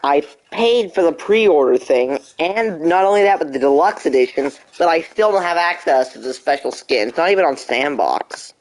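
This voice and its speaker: A man's voice: a little high, expressive, normal speed, hardly any pauses. Young man chatting through a game stream. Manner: chatty, talks back to the game in mock frustration. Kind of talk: casual live gameplay commentary.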